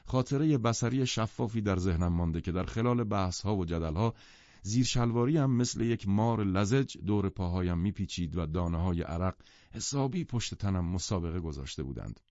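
A man narrating a novel as an audiobook, in a measured, even delivery. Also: low-pitched, no echo. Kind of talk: audiobook reading. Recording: dull lo-fi audiobook sound.

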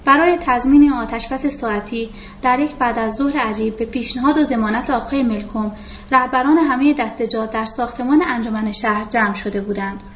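A woman reading a novel aloud as an audiobook narrator, in a steady, measured manner, in a roomy, dull lo-fi recording. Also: on the high side, a little hiss or hum.

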